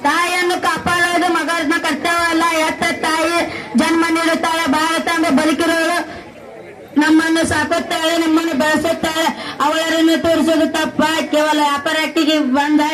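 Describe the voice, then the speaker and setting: A man's voice: extremely high pitch, normal speed. A young performer in a school play, voicing a defiant young revolutionary who consoles his mother with impassioned speeches. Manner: declamatory, impassioned, flat singsong delivery. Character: defiant young male revolutionary facing execution. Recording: echoey hall with a crowd behind.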